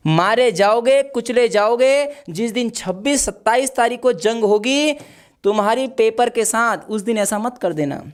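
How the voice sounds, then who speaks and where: A man teaching math for an exam. He is playful and animated, talks straight to his students and repeats the key points. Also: very high-pitched, clear, resonant tone. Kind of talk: exam-prep video lesson.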